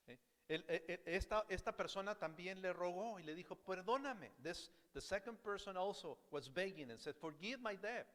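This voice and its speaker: Preaching in Spanish and English, this man repeats every point in both languages and frequently questions his congregation with animated energy. His high voice fills a large church sanctuary.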